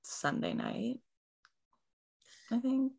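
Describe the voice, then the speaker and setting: A woman's voice: a little high, wildly swooping pitch, extremely slow, gravelly, darkish tone, voice pushed up, full character voice. A woman voicing a lazy, scheming young woman, casual and offhand.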